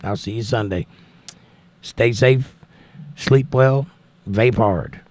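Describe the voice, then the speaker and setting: An American man with a crackly, slightly mellow voice of medium pitch speaks slowly as a livestream host. He chats casually, reading out viewer messages and thanking and blessing listeners in a folksy way.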